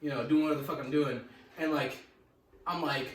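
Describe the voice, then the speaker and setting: A man's voice: on the high side, fairly even intonation, brisk. A young man telling crude anecdotes in casual chat and laughing through them as he rambles. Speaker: podcast co-host. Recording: echoey room, distant mic, crowd behind.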